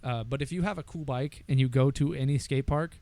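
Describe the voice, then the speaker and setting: A man's voice: mid-range voice, fairly quick, vocal fry, a little mellow, no echo. A young American man co-hosting a podcast in casual banter, with a wry, self-deprecating bro way of talking. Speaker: podcast co-host.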